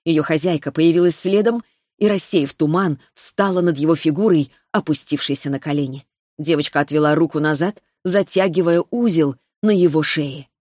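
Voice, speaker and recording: Low-voiced woman narrating fantasy. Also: moderate pace, darkish tone, dry recording, studio quality. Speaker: audiobook narrator.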